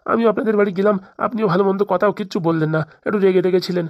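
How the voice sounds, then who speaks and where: A woman's voice: mid-range voice, fairly even intonation, very fast, dry recording, lo-fi sound, natural voice. A woman voicing a fretful middle-aged father who pleads at length for his only daughter in a cartoon. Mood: aggrieved. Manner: pleading, rambling complaints. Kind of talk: cartoon voice acting.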